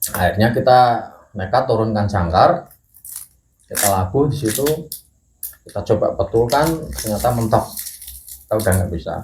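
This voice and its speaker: A middle-aged man telling a ghost story in casual chat, measured and unhurried, clearing his throat now and then. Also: lowish voice, darkish tone. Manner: measured storytelling with pauses and occasional coughs. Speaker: guest storyteller. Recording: echoey room with faint noise.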